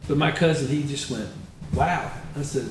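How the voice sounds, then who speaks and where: A man's voice: mid-range voice, fast talker. Rambling older man in echoey room. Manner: rambling anecdotal storyteller, animated. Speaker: guest, retired county attorney. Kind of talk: casual interview chat. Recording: echoey room, distant mic, faint noise.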